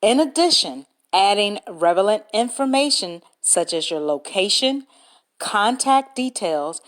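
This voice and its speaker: Slow, deliberate woman podcast host. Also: medium pitch. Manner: slow, deliberate, reads points aloud and spells words out. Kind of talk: solo podcast talk giving business tips.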